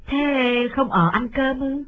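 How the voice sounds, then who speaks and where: Woman doing a whiny jealous wife, forties, nags and begs, high voice, tinny phone-ish audio w/ soft music. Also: slow. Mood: pleading. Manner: whiny, complaining, insistent. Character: jealous nagging wife in her forties, pleading.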